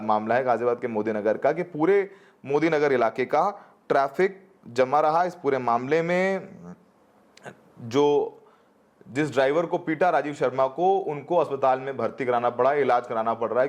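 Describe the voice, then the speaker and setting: A man reporting a news story in a halting way, with many filler sounds. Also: medium pitch.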